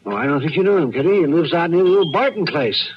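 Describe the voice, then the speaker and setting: Animated, genial old-west Doc. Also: male voice, fairly high pitch, quick pace, slightly rough. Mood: chatty. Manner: chatty, hemming, folksy. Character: genial, folksy frontier town doctor. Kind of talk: old-time radio western acting. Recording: muffled, hissy old radio recording.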